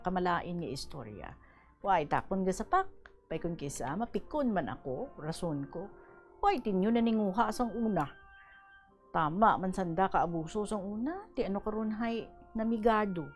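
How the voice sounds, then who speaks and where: A woman with a Hiligaynon accent hosting a radio program and reading a listener's letter aloud with lively, animated delivery. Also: mid-range voice.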